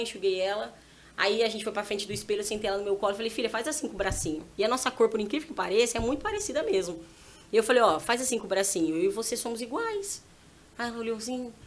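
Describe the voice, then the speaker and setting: A woman in her thirties, a mother telling a lively personal story as a podcast guest and acting out her conversations with her small daughter. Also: mid-range voice. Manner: animated, acts out dialogue with her child. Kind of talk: casual storytelling testimony. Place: church podcast setting.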